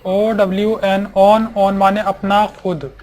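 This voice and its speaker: Man teacher, high voice, flat delivery, unhurried, spells and repeats every word, faint hiss behind. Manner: spells out words letter by letter and repeats them. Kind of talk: slow English vocabulary lesson.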